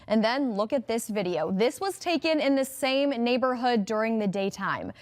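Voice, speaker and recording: Female TV anchor, slightly high-pitched, brisk and upbeat scripted delivery. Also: animated. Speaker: news anchor. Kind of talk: scripted news reading.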